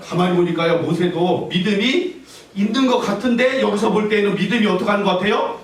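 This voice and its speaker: A man preaches a sermon in a call-and-response style, asking the congregation question after question and echoing their replies. His voice sits high. He sounds distant, in a church hall that booms with echo. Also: fairly quick, crowd noise. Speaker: pastor. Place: church sanctuary. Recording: echoey church hall, voice from afar.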